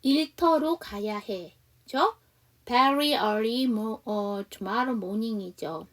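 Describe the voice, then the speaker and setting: A woman with a Seoul accent teaching an online English conversation lesson, patiently explaining and slowly modelling sentences. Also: fairly high pitch, fairly bright tone, recorded from a distance. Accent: Seoul Korean.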